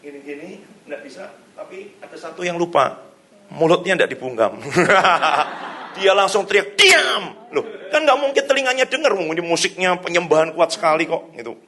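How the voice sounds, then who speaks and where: A middle-aged pastor preaches in a church hall, telling stories conversationally in casual, Javanese-flavoured Indonesian and laughing often. His voice is fairly high, animated, and fairly bright, at a moderate pace.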